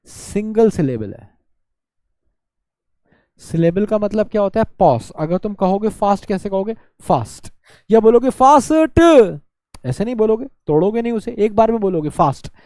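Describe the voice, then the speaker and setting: Male tutor, exam-prep lesson, self-quizzing delivery, soft dark tone, dead-dry booth. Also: high-pitched, expressive, moderate pace, dry recording. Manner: explains by asking and answering his own questions; drawls words out to show syllables. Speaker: teacher.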